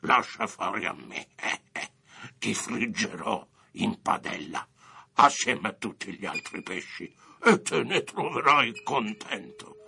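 An actor playing a cruel green fisherman in a radio drama, with a raspy, cackling voice and slow, menacing delivery. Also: fairly low pitch, expressive, pushed and bright, exaggerated voice. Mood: gloating.

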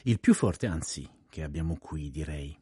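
A man reading an audiobook, voicing a small, fastidious detective who speaks gently and softly in a husky voice. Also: sits low, big pitch swings, no echo, studio quality, full character voice. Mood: gentle. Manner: gentle, soft-spoken. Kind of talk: audiobook character voice.

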